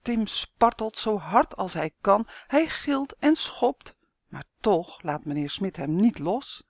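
A woman author reading her own children's story aloud in a clear, expressive storytelling manner. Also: medium pitch, slow pace, no echo, studio quality.

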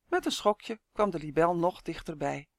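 A woman reading a children's storybook aloud with expressive, lively storytelling. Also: lowish voice, normal speed, no echo, clean studio sound. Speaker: narrator.

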